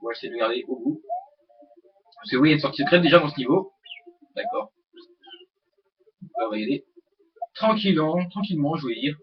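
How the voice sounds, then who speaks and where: A man's voice: on the high side, slight background noise. A young man hosting a let's play, rambling with many hesitations and swearing at the game. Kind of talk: casual gameplay commentary. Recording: dull lo-fi mic with game music.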